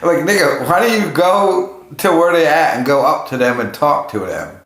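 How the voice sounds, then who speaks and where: A man's voice: a little high, lively intonation, normal speed, background noise. Rambling man streaming in an echoey room. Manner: rambling, jumps between topics. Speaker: livestream host. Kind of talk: casual, profane livestream chat. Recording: roomy, echoing room sound.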